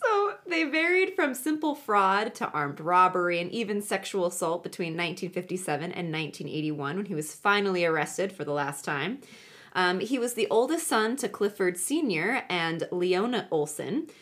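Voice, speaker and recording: A woman works as a true crime narrator and podcast host, with a widely swinging, lively pitch. She tells the case conversationally, slipping in chatty, jokey asides. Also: normal speed.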